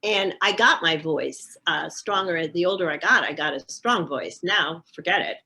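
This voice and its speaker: Being interviewed casually, this older astrologer is talkative, confident and emphatic. She speaks at a moderate pace in a lowish voice that sounds pushed and bright.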